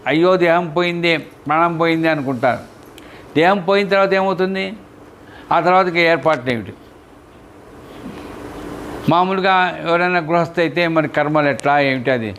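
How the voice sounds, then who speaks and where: A man's voice: a little high, a bit bright, a little hiss or hum. A man giving a devotional discourse, telling stories and asking and answering his own questions. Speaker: spiritual discourse speaker.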